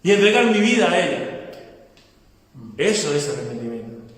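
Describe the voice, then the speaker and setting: A man's voice: sits high, very animated, moderate pace. A man preaching a sermon as a pastor, asking the congregation questions and acting out what people say. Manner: preaching with rhetorical questions and acted-out quotes. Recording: echoey hall, mic far off.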